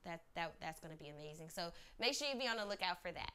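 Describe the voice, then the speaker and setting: A woman's voice: lowish voice, lively intonation, fast, sharp tone, a little hiss or hum. A woman hosting a casual entertainment news roundup, chatty and upbeat, talking straight to her viewers. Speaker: host.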